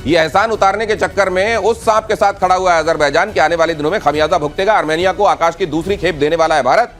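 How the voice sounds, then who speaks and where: A man with a high-pitched voice anchors a televised news debate. His delivery is dramatic and rhetorical, punching his lines for effect. Faint music plays softly behind him in the studio. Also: quick pace.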